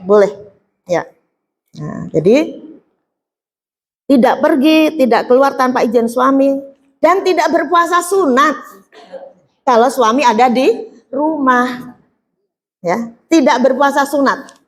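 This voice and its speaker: A woman's voice: high-pitched, takes it slowly, long pauses. A middle-aged woman giving a religious talk to a group of women, telling stories with acted-out dialogue and asking her listeners questions. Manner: lively storytelling, acting out dialogue, asking the audience questions. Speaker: preacher.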